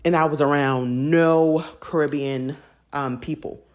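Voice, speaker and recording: A woman from the United States, raised in a Jamaican household, hosts a TV recap show, chatting candidly and casually to viewers with strong opinions and frequent laughter. Her voice sits low and darkish, with a steady tone and a measured pace.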